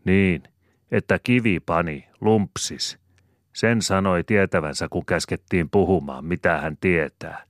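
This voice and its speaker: A man reading the part of a talkative old peasant who tells a funny tale to fellow haymakers, in a slightly raised, lively voice. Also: deep voice, dry recording, clean studio sound, pitched above the performer's own voice, lightly acted. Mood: storytelling.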